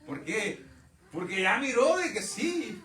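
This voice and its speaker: A man preaching a sermon in a church, calling his listeners brothers and swinging from loud outbursts to quiet asides. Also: sits high, big pitch swings, takes it slowly, far from the mic. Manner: addresses the congregation as brothers. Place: church sanctuary. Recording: roomy church sound from off-mic.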